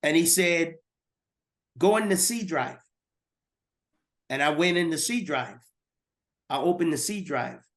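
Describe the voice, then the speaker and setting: A man's voice: fairly high pitch, animated, measured pace, long pauses, a bit bright. A man giving a personal testimony as a guest, earnest and repeating words as he goes.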